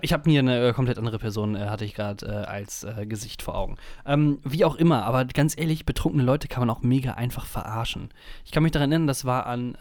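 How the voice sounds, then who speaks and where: A man's voice: medium pitch, no echo. German guy rambling thru a story on a podcast, lots of ums, dry close sound. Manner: rambling storyteller, many fillers and restarts. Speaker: podcast co-host. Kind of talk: casual chat.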